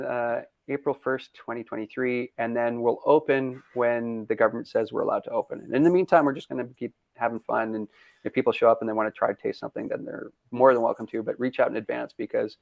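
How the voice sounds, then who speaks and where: Gravelly-voiced man on a video call. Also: mid-range voice, no echo. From Canada. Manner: upbeat, rambling, laughs often. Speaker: brewery founder. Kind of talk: casual interview chat. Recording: dull lo-fi video call audio.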